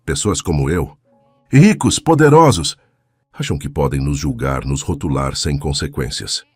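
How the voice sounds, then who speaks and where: A man's voice: rumbling low, moderate pace, breathy edge, no room sound, clean studio sound, soft background music, pitched below the performer's own voice, full character voice. A man voicing a guarded, defiant young woman in a story, speaking tensely.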